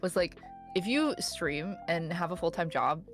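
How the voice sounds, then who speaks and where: A woman's voice: fairly low pitch, animated, measured pace, music in the background. A woman guest on a podcast in casual chat, with a playfully whiny manner and dry jokes.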